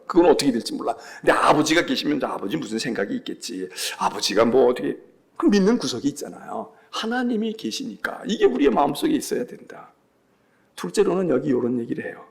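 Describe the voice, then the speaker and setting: A man's voice: sits high, vocal fry. A male senior pastor giving a Sunday sermon in a church, conversational and emphatic, repeating key phrases.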